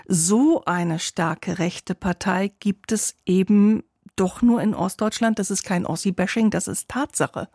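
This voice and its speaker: A woman's voice: medium pitch, a little slow, a little mellow, dry recording, studio quality. A woman hosting a radio interview, introducing her guest and asking composed, probing questions. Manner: composed, probing, matter-of-fact. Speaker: radio show host and interviewer.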